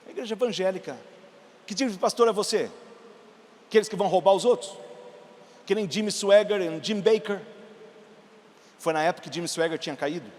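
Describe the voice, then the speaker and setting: A male pastor, preaching a sermon as an animated story, acting out dialogue and rising to shouts. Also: sits high, fairly quick, long pauses. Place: church hall. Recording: long hall reverb.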